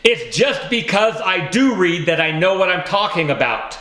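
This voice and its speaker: A cranky, suspicious house cat, short-tempered and sleepy, as a man reads him aloud. The voice sits fairly high and bright, and the tone stays snappish. The room adds a noticeable echo around it. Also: big pitch swings, normal speed, heavily acted. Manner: snappish, evasive. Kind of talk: audiobook character reading.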